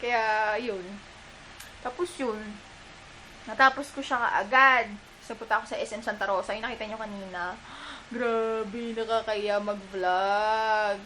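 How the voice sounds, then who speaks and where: A woman's voice: mid-range voice, fairly even intonation, measured pace, sharp tone. A young woman from the Philippines, a mom vlogger telling a story in a chatty, giggly, rambling way, recorded on a camera mic at home. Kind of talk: casual storytelling vlog. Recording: noisy room ambience.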